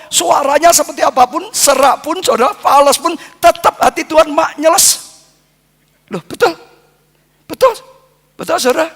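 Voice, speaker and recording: An older man preaching a sermon, fervent, building into chanted shouted repetitions and dropping low between them. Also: vocal fry. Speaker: pastor. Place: church hall. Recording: echoey church hall with music.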